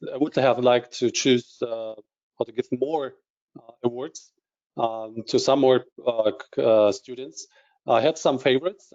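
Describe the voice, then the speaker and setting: A man's voice: medium pitch, a little mellow. A man presenting an award over a video call, his audio breaking up, speaking hesitantly with many fillers and restarts. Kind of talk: live announcement. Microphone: computer mic on a video call. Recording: dull, lo-fi conference call line.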